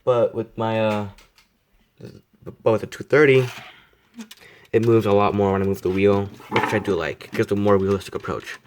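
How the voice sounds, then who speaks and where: A man's voice: on the low side, fairly even intonation, normal speed, long pauses, a little mellow, slight background noise. A young man casually reviewing a model car, rambling, repeating himself and poking fun at himself. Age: young adult. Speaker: die-cast model reviewer.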